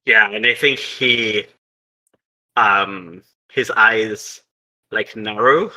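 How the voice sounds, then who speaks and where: A man runs a tabletop game as its game master. He narrates in a loose, rambling way with plenty of hesitant fillers. His tone is tense and very bright. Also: lowish voice, extremely slow, rough recording.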